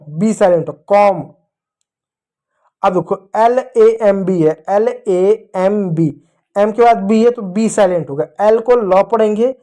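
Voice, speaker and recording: A male teacher giving an English lesson to children, slowly spelling out words letter by letter and repeating them. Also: sits high, dark tone. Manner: slow, repetitive spelling-out of words.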